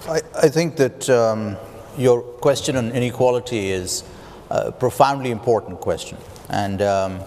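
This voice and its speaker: A man on a conference panel giving a thoughtful, halting answer. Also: mid-range voice, darkish tone. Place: large conference hall. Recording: reverberant hall with faint ambience.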